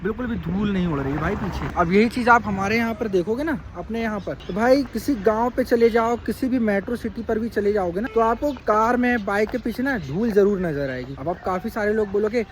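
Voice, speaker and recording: A man's voice: high-pitched, brisk, few pauses, slight background noise. A man filming a casual travel vlog outdoors on a phone, chatty and addressing viewers as brother. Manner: chatty, often says "bhai" to viewers. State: slightly tired from climbing. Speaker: travel vlogger. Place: outdoors in parks and streets.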